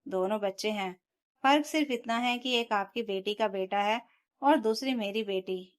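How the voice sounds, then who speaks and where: A woman reading as a calm, firm young father. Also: medium pitch, lightly acted. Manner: quiet, measured questions.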